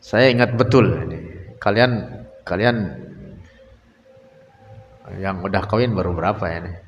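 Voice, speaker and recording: A man's voice: lowish voice, unhurried, dull audio, slight background noise. A man giving a religious study lecture. He reads Arabic text, translates it phrase by phrase and adds joking, colloquial asides to his students. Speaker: Islamic religious teacher. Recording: echoey hall with long reverb.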